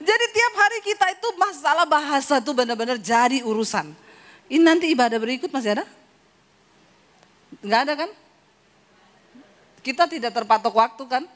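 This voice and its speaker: A woman's voice: high voice, animated, fairly quick, long pauses, a bit bright. A woman from Sulawesi preaching a humorous sermon, telling stories with animation and frequent laughter. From Sulawesi, Indonesia.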